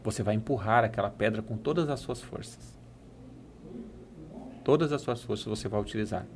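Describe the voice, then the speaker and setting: A man telling it as God, calm and solemn. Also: lowish voice, normal speed, a little hiss or hum, voice pushed down, natural voice. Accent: Brazilian Portuguese. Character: God, a calm fatherly male voice from above.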